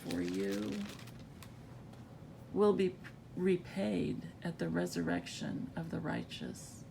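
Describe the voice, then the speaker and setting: Though her voice is groggy and morning-rough, this woman reads scripture in a very animated, informal way at a slow pace. Her tone is dark, gravelly and creaky, and a rumbling noise sits in the background.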